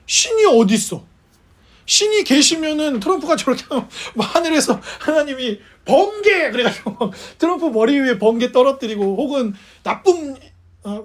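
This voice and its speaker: Korean pastor preaching in a chatty way. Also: male voice, very high voice. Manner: conversational, acts out quoted voices, rhetorical questions. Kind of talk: sermon.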